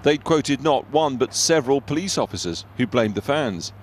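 A man delivers scripted television news narration. His voice sits at a middling pitch, with faint noise behind it. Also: lively intonation, normal speed. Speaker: TV news reporter.

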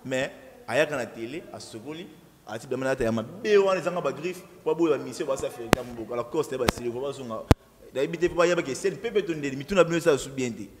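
A man on a studio talk show, rattling off his points at great speed and repeating phrases, mixing French with Lingala. His voice sits at an ordinary pitch. It rings with the long reverb of a studio hall. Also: heavy background noise. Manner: rapid, animated, repetitive, mixes French with Lingala. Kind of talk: excited talk-show chat.

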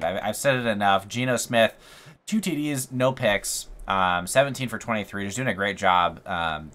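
A man giving play-by-play commentary over his football video game, his voice a little worn, getting excited on big plays. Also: on the low side. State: slightly losing his voice. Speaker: gaming YouTuber. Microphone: USB condenser mic.

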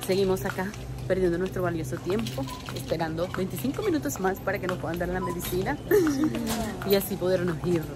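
This woman's voice sits on the low side and moves fairly quickly as she talks to camera for her family vlog. Standing in a store's pharmacy section with music playing, she's chatty and playful, speaking straight to her viewers.

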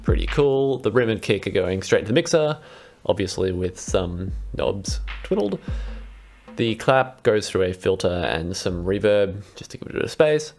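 In a small room at his computer, a young adult vlog host and electronic musician gives an easygoing, informal run-through of a music patch. His voice is on the low side, a little mellow and animated, at a moderate pace, with synthesizer music underneath.

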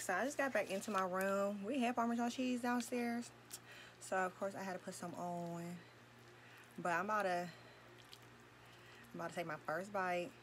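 A woman's voice: on the low side, slight background noise. A young woman chatting casually to her viewers while she cooks and eats at home, filmed by a camera set a little way off in a small kitchen. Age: young adult. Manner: chatty, talks straight to viewers. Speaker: vlogger. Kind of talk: casual cooking vlog.

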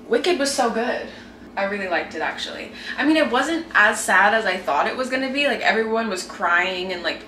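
A young woman vlogger chats casually to her handheld camera while making breakfast in her home kitchen, filling her talk with "like." Her mid-range voice is bright and forceful. The room is echoey with faint noise.

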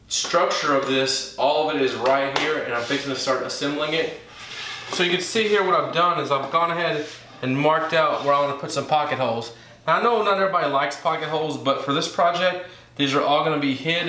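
Man, 30s, slightly high voice, relaxed how-to talk, echoey garage, distant mic. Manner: relaxed, plain-spoken, with self-corrections. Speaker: woodworking channel host. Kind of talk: casual how-to narration. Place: home garage workshop. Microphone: camera mic from across the room.

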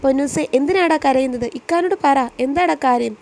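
A woman's voice: sits high, brisk, darkish tone, pitched above the performer's own voice. Woman voicing a tender young man. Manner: tender and soothing. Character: gentle young man comforting his beloved. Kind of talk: storytelling voice acting.

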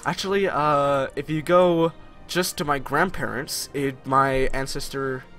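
This young Canadian gamer speaks unhurriedly in a mid-range, slightly bright voice with fairly even intonation. He's chatty and teasing toward his co-player in a multiplayer strategy match, often laughing at his own jokes, as faint game music runs underneath.

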